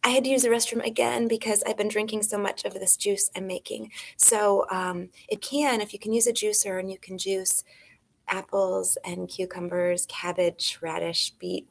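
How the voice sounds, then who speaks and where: A woman yoga teacher guiding a class, talking in a chatty, rambling way with many fillers and giving gentle step-by-step instructions. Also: medium pitch, gravelly.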